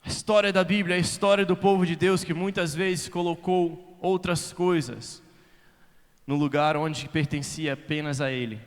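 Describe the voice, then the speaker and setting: A man with a Brazilian Portuguese accent preaching at a youth conference, moving between quiet storytelling and shouted appeals and mixing English phrases into his sermon. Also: a little high, steady tone, moderate pace. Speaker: youth pastor. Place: large conference hall. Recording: reverberant hall.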